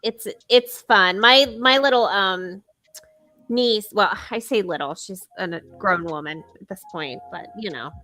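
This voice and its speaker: Bright chatty woman co-hosting a podcast. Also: medium pitch, unhurried. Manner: chatty, many fillers and restarts. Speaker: podcast co-host. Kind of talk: casual chat.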